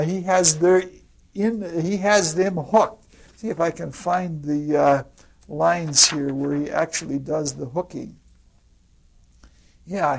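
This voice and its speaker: A man giving an informal lecture, halting often with filler sounds and restarts as he retells a story. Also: fairly high pitch, creaky, darkish tone, breathy edge, low-quality recording.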